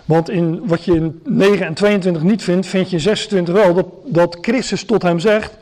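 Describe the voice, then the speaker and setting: Male preacher, high voice, teaching sermon, halting delivery with many fillers. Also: fairly even intonation, darkish tone. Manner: explanatory, many hesitations and restarts.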